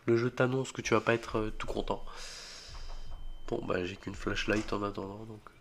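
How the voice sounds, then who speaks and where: A young gaming video creator narrates a solo horror let's play while fighting a head cold that roughens his fairly low, gravelly voice. His tone is steady, his speed normal and a bit bright; he jokes, mutters reactions and swears when startled, admitting he's scared. Faint keyboard clicks and typing sit in the background along with a little hiss or hum.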